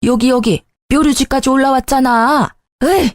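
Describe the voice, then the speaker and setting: A vain, quick-tempered older mother-in-law scolds and barks orders, as a woman narrator puts her on. The tone stays mellow and warm. The recording is dry and close. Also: medium pitch, no room sound, lightly acted. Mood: furious. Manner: scolding, bossy, demanding. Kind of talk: storytelling voice acting.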